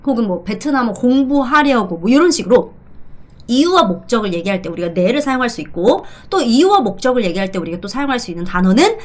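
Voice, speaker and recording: Lively, high-voiced woman teaching a lesson. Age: middle-aged. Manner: lively, drills phrases slowly and repeats them; talks straight to viewers, asks and answers her own questions. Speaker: language teacher. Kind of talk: online language lesson.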